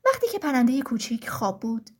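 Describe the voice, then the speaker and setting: A woman narrating a children's story in a gentle, even storytelling way. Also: a little high, breathy edge.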